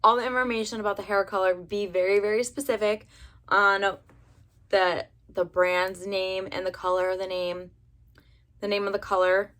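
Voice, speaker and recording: A young adult woman from the United States with a raspy voice, rambling chattily through a casual hair color review. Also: medium pitch, fairly even intonation, normal speed, a bit bright. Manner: rambling, chatty, many fillers. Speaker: beauty vlogger.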